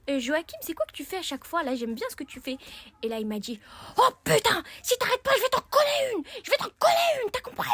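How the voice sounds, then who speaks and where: A young woman telling an animated, rambling storytime to camera, often restarting her sentences. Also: sits high, breathy edge. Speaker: content creator.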